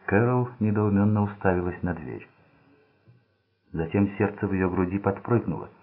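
A man narrating an audiobook story in steady scripted narration. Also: low voice, moderate pace. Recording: phone-like narrow band.

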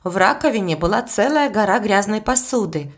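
A woman narrating a children's storybook aloud in an expressive, measured way. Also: medium pitch. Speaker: audiobook reader.

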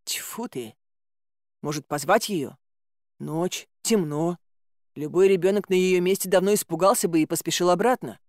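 A woman's voice: fairly low pitch, moderate pace, no room sound, studio quality, lightly acted. Gloomy young ghoul man, read by a woman. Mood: grumbling.

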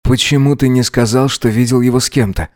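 A man's voice: medium pitch, steady tone, a little fast, a little mellow, dry recording, studio quality, natural voice. A man voicing a weary young surgeon. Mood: dejected. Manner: tired, restrained. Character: weary young male surgeon, grieving and hurt.

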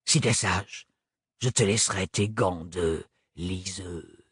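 A man reading an audiobook, voicing a cruel, mocking male villain who draws out his taunts slowly and drops in English words. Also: deep voice, husky, no room sound, studio quality, voice pushed down, heavily acted. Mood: menacing. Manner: slow, drawn-out taunting, English words slipped in. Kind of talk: audiobook character voice.

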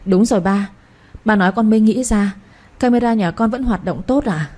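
A young wife answering her father-in-law with quick eagerness, voiced by a woman. The voice is mellow and breathy. It sounds like an audio story. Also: medium pitch, natural voice. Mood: eager. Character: young wife, suddenly realizing.

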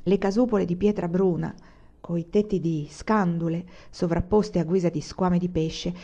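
A woman reading a novel aloud in a measured, expressive way. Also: lowish voice, dull audio. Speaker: audiobook reader. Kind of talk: scripted narration of a novel.

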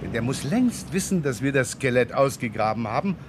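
An actor in a 1970s German radio crime drama playing a seasoned police inspector, brusque and wry. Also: male voice, mid-range voice, big pitch swings, a little fast, natural voice. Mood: wry, musing. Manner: brusque questioning, wry chuckles. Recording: noisy radio-drama scene, vehicle sounds.

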